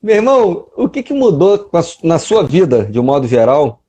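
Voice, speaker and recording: A man's voice: fairly high pitch, sing-song, moderate pace, dark tone. A man with a Brazilian Portuguese accent hosting a casual interview, chiming in with short exclamations. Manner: reacts with short exclamations and laughter. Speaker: interview host.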